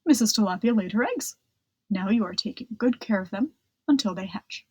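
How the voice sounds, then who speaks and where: Woman voicing a kindly, husky father seahorse. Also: mid-range voice, expressive, fairly quick, darkish tone, no echo. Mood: friendly, encouraging. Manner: kindly, encouraging. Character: gentle, encouraging father seahorse, polite and caring.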